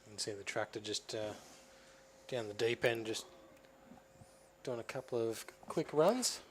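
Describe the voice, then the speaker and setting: A man's voice: medium pitch, a little slow, a little hiss or hum. A man with an Australian accent co-commentating drag races from a commentary box, dry and matter-of-fact. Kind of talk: live race commentary.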